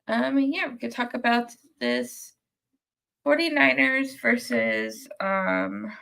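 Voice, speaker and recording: Congested and nasal with a cold, a young woman podcast host runs a sports fan post-game live stream, chatting casually and reading viewer comments. She rambles, full of fillers, ums and restarts. Her pitch is fairly high, her pace slow, and her tone gravelly yet fairly bright.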